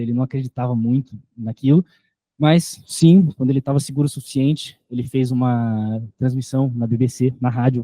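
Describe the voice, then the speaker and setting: A man's voice: mid-range voice, dark tone, no echo. A man giving a lecture, explaining step by step and often checking in with his listeners. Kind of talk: recorded lecture.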